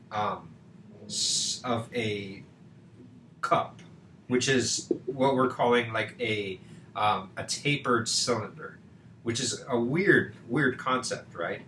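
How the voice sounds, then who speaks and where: A man's voice: medium pitch, fairly bright tone. A man teaching math in a loose, chatty way, checking in often with "right?" His voice comes through a computer mic. The room has a noticeable echo and a faint hiss of background noise. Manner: chatty, rhetorical questions, frequent fillers. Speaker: math tutor. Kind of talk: casual online tutoring. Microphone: computer mic on a video call.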